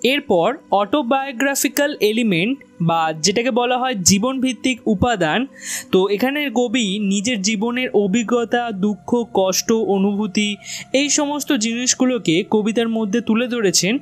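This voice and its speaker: A woman teacher from West Bengal giving a patient, explanatory exam-prep lecture to students, reading quoted English lines slowly and deliberately. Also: fairly high pitch, soft background music. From West Bengal, India.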